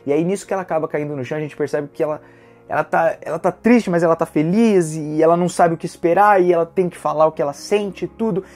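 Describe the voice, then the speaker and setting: A man with a Brazilian Portuguese accent hosting a casual manga review, retelling the story in an animated, emotional way with slangy fillers. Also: a little high, quick pace, faint music behind. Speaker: manga reviewer, channel host.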